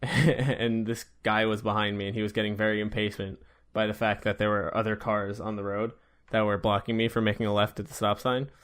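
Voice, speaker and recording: A man's voice: lowish voice, level tone, a bit bright, smooth. A young man from the New York area co-hosting a podcast. He talks in a brash, profane way and laughs easily. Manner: brash, swearing, quick to laugh. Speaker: podcast co-host. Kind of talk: casual chat.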